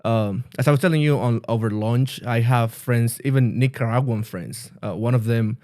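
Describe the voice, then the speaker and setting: A man from the Dominican Republic speaks as a pastor and guest in a casual interview. He talks earnestly and haltingly, often restarting his sentences. His pitch is middling and the recording is dry. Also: warm tone, dry recording.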